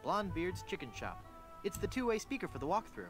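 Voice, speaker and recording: An actor playing a naive, upbeat young adventurer in a cartoon game, earnest and wry. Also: male voice, high-pitched, very animated, brisk. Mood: wry, observant. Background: loud music.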